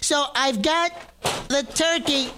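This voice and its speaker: A man voicing a grumpy, crotchety, excitable old man, exasperated and exclaiming dramatically on a prank call. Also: very high-pitched, takes it slowly, noisy background. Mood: fretful, grumpy. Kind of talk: prank phone call in character.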